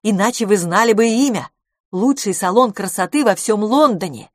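A woman reading the part of a confident, boastful beauty salon owner in an audiobook, speaking briskly and emphatically. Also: medium pitch, lively intonation, no room sound, studio quality, pitched above the performer's own voice, close to an everyday voice.

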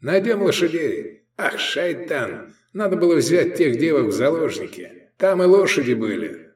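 Audiobook villain: furious hoarse bandit leader, pitched high and loud, read by a man. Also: very animated, a little slow, full character voice. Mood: angry. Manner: shouting, snarling.

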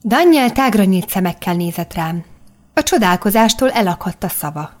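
A woman narrating a children's novel in the first person, telling it evenly and clearly. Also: mid-range voice. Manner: even, clearly articulated storytelling. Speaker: audiobook narrator.

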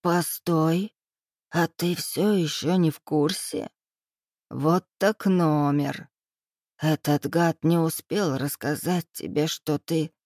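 A reader voicing a cruel, dying older man bound to a bed, hoarse and sneering, in an audiobook. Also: medium pitch, steady tone, takes it slowly, a little mellow, no echo, studio quality, lightly acted. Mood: taunting. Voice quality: hoarse, wheezing. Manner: sneering, hissing, gloating. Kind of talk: audiobook character voice.

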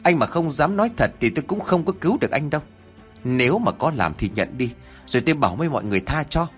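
Guy doing an older village elder, calm, talking folks down. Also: a little high, faint music behind, pitched above the performer's own voice, lightly acted. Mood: persuading. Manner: measured, persuading.

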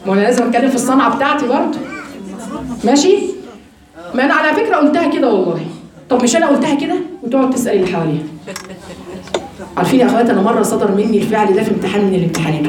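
A woman with an Egyptian accent giving a religious lesson to women, animated and full of rhetorical questions to her listeners. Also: a little high. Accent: Egyptian Arabic. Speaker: religious teacher. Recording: very echoey room from far off mic.

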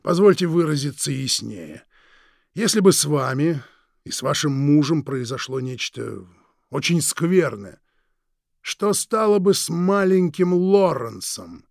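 Audiobook villain, male, slow and sneering , put on by a male reader; gravelly, raised pitch, dry close sound. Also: expressive, dry recording, full character voice. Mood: menacing. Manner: slow, drawn-out, sneering politeness. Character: sinister smooth-talking male villain, menacing, mocking. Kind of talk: audiobook reading.

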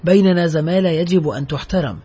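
A man's voice: a little high, quick pace, mellow, breathy edge. A man voicing a frightened male petty crook in an audiobook, pleading and protesting in a raised voice. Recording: muffled lo-fi recording, faint music.

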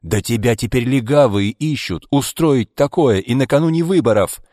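A man voicing an irritable, powerful middle-aged man who speaks loudly and agitatedly in an audiobook. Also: low voice, normal speed, no room sound, clean studio sound. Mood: angry. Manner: loud, agitated, shouting.

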